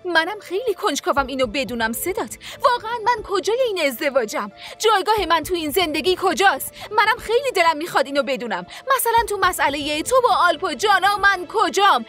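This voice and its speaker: Brief: actress voicing a high-pitched, reproachful young wife, soft music under the dialogue. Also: female voice, animated, close to an everyday voice. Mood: indignant. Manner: reproachful, pleading. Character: young wife, frustrated with selfish husband. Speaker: dubbing actor. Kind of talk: dubbed TV drama dialogue.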